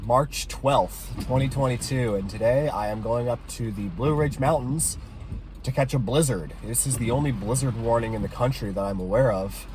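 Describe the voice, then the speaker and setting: A man's voice: mid-range voice, moderate pace, noisy background. A man giving casual weather updates for a storm-chasing vlog. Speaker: storm chaser vlogger.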